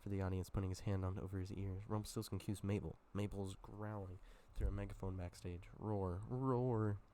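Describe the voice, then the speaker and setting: A man with a sore throat reads a film script aloud in a casual run-through, tossing in short asides and tripping over words now and then. His voice is deep and stays very flat. A faint hiss runs under the recording. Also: fairly quick. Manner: plain reading with asides and stumbles. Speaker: YouTuber reading a film script.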